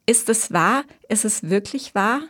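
A woman's voice: mid-range voice, normal speed, close to an everyday voice. A woman voicing a curious younger sister who asks eager, wondering questions.

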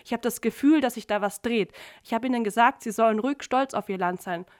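A woman's voice: on the high side, fast, lightly acted. A woman reading aloud, voicing a brash, tipsy young kindergarten worker who chatters and teases. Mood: tipsy, chatty.

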